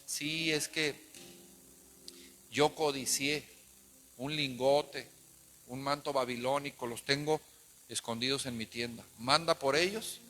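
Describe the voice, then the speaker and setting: A preacher voicing a guilty man's hushed confession. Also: medium pitch, steady tone, slow pace, pauses often, slight background noise, pitched below the performer's own voice. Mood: sheepish. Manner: hushed, sheepish. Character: guilty man quietly confessing a theft.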